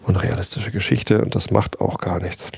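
A man's voice: lowish voice, fairly even intonation, normal speed, creaky, a little mellow, slightly rough, no echo. A man reading a storybook aloud, with wry asides as he describes the pictures. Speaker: reader.

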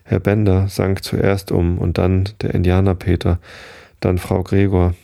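A man voicing a gentle, weary, parched wanderer near death in a read-aloud story. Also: low-pitched, completely flat delivery, unhurried, gravelly, no echo, clean studio sound. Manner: gentle, tired, soothing.

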